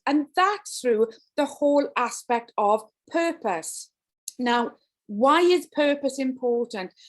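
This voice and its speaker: A Welsh-speaking woman with a high voice gives an online teaching presentation to educators over a video call. She's enthusiastic and animated, leaning on emphasis and rhetorical questions.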